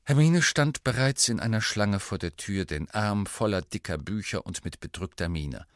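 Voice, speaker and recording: Male audiobook narrator, measured and even, lowish voice, dry booth. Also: no echo. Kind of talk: scripted narration.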